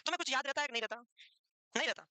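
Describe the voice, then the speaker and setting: A male teacher lecturing his class in a brisk, scolding, teasing way. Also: very high-pitched, bright, forceful tone, smooth, dry recording.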